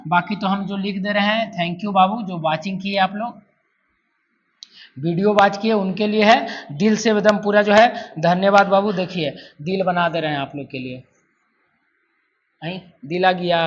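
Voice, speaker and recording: A man's voice: high voice, steady tone, moderate pace, a little hiss or hum. A man teaches a grammar lesson, repeating syllables again and again and answering his own questions as he goes. The recording has a dull, lo-fi sound. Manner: repetitive, drills sounds aloud, asks and answers himself. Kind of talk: classroom-style lesson.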